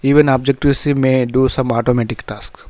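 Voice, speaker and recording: Telugu accent guy doing an informal coding tutorial, kinda halting and repeats himself, dry sound. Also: medium pitch, steady tone, a little mellow, no echo. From south India. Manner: halting, repetitive phrasing with broken restarts. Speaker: programming instructor.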